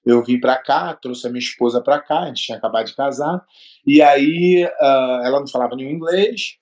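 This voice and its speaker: A man's voice: mid-range voice, fairly quick, darkish tone. A middle-aged man from Brazil with a Brazilian Portuguese accent, telling stories in a casual chat and acting out the dialogue. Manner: storytelling, emphatic, acts out dialogue. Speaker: gym owner and martial arts coach.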